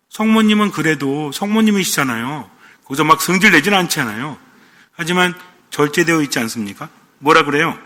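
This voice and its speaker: Bright-voiced priest in a reverberant hall. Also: male voice, a little high. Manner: asks the congregation questions, playful asides. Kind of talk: sermon.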